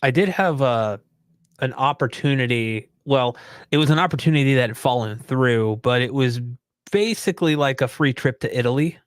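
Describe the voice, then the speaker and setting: A man's voice: medium pitch, moderate pace, clear, resonant tone, no room sound. A young man co-hosting a podcast live stream, chatting casually in an easygoing, rambling, self-deprecating way. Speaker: podcast co-host.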